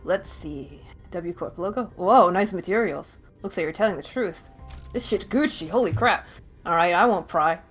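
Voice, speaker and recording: 一位女性在游戏台词朗读中扮演贪财、玩世不恭的女雇佣兵，语气随意轻佻，带着粗口和俚语，背景有轻微音乐。. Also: female voice, fairly low pitch, moderate pace, husky. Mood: wary, flippant. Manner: flippant, casual, foul-mouthed. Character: brash, mercenary woman fixer, slangy and cynical. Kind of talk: dramatic live read of game dialogue. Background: faint music.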